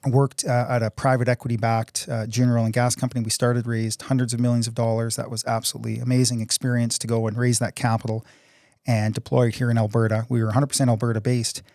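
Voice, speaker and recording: A man's voice: mid-range voice, little pitch movement, quick pace, a little mellow, no room sound, clean studio sound. A man in his forties, a city council candidate answering interview questions in an earnest, upbeat way, often repeating words as he goes. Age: 40s.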